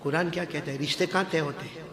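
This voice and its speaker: A man telling an Islamic story as a sermon, moving from hushed narration to shouted, chanted Quranic recitation. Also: fairly high pitch, fairly even intonation, background noise. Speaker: preacher. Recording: echoey hall with crowd.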